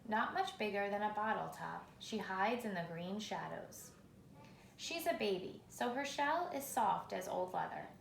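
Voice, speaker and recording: A woman reads a children's picture book aloud in a measured, expressive way, using dramatic pauses. Her voice is medium-pitched and noticeably creaky. Clear room echo and faint background noise are audible.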